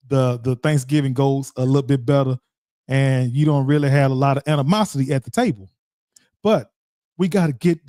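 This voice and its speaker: A man's voice: mid-range voice, mellow, dry recording, studio quality. A man hosting a radio show, rambling casually and talking straight to his listeners with lots of repeats. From Dallas-Fort Worth area, Texas. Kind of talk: casual solo commentary.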